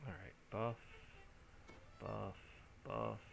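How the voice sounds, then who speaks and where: A man's voice: on the low side, flat delivery, drawn-out words, vocal fry, background noise. A tired man streaming a game, rambling and thinking aloud with restarts and hums as he plays. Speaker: streamer playing an online game. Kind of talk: casual gameplay commentary.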